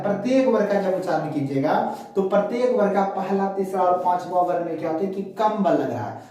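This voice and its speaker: Man teaching sanskrit grammar, high mellow voice, very echoey, far from the mic. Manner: asks questions and answers them himself; repeats syllables slowly in drills. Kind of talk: online grammar lesson.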